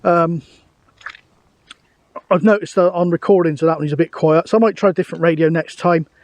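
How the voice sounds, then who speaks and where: A middle-aged vlogger and CB radio hobbyist chats in a casual, matey way on a windy hill, recorded on a camera microphone. His voice sits on the high side, darkish and steady in tone, and he talks briskly; the recording is dry.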